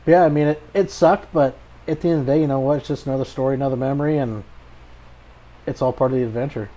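A man's voice: mid-range voice, steady tone, quick pace, mellow, low-quality recording. An American man hosting a podcast in a casual chat, with an easygoing, folksy good ol' boy way of talking. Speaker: podcast host.

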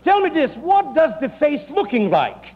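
Huge pitch swings mark a man's full character voice, very high and at a moderate pace, as he portrays an unctuous, oily foreign moneylender working for a finance company, fussy and over-polite, formal yet mangling his grammar. It's 1940s radio comedy acting, heard through a dull, noisy old recording with hall reverb.

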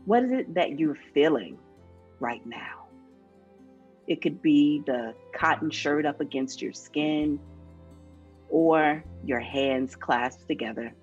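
A woman leads a calm grounding exercise in a gentle, inviting way. The sound is somewhat dull and lo-fi, with music behind her voice. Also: deep voice, slow, slightly rough. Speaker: podcast co-host and pastor.

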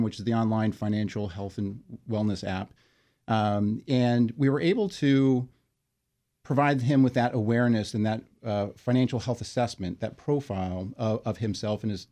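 A man being interviewed as a guest, explaining his work in a measured way with frequent fillers and restarts. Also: mid-range voice, dark tone. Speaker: interview guest, financial wellness company leader. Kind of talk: conversational interview.

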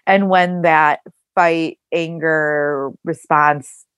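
A woman's voice: low voice, fairly even intonation, very slow, fairly bright tone, clean tone, no room sound, muffled recording. A woman in her forties, a company CEO, telling her story earnestly in an interview, with plenty of ums and you-knows. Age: 40s. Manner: earnest storytelling with frequent fillers. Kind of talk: conversational interview.

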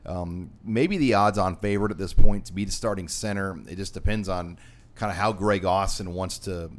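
Low-pitched American man hosting a sports countdown. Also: moderate pace. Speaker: sports show host. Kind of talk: sports talk, counting down a ranked player list.

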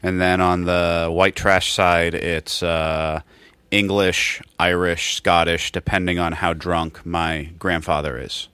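Podcast host dude, real deep voice, deadpan jokes, dry mic. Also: male voice, slow, clean tone, no room sound. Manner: deadpan jokey, jumps up loud when riled. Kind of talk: casual podcast chat.

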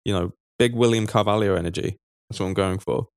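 A man's voice: lowish voice, fast talker, no room sound. A man co-hosting a football podcast, joking and trading dry puns in casual banter. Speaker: podcast co-host.

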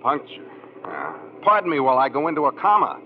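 An actor playing a quick-thinking detective's sidekick with dry, sardonic, wordy wisecracks in a 1940s radio mystery. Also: male voice, mid-range voice, huge pitch swings. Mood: sardonic, amused. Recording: noisy, muffled old radio recording.

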